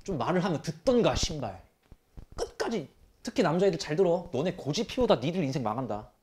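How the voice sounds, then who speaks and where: A man teaching math to high school students, scolding them bluntly with rough language and rhetorical questions. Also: big pitch swings, brisk, a little mellow, slight background noise. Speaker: math tutor. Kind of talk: classroom lecture.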